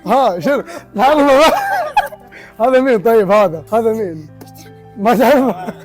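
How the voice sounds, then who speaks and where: A man's voice: high voice, expressive, moderate pace, faint music behind. A young man, hosting a casual vlog outdoors, joking and laughing often as he talks to viewers. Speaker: vlogger host.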